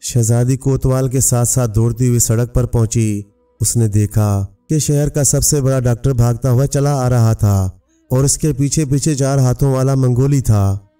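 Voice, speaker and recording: Brief: male storyteller, mellow dark voice, set back from the mic with faint music. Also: medium pitch, steady tone, unhurried, clear, resonant tone, far from the mic. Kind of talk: scripted storybook narration.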